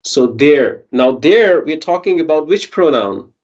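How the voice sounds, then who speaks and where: A man's voice: on the high side, expressive, a little slow, darkish tone, muffled recording. A man teaching a Quranic Arabic grammar lesson online, patiently asking his students questions and checking in with them.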